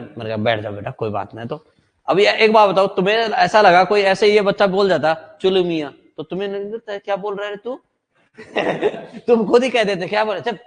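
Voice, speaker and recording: A man teaching a class, chatty and teasing, quizzing his students on how letters are said. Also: sits high. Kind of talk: joking classroom lecture. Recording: long hall reverb.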